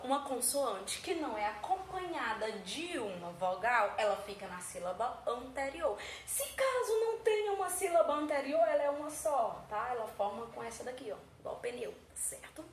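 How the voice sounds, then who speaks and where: Teacher, woman, high voice, lively explainer, roomy echo. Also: moderate pace, hardly any pauses. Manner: animated, checks in often with "tá?", voices student questions. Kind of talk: explaining grammar to students. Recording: echoey room with faint ambient noise.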